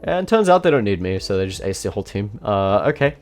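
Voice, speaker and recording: A slightly quick delivery marks this casual voice-over from a male gamer reviewing his own match. Somewhat low and a touch nasal from a blocked nose, he stays relaxed and self-deprecating, dropping frequent fillers as faint music plays.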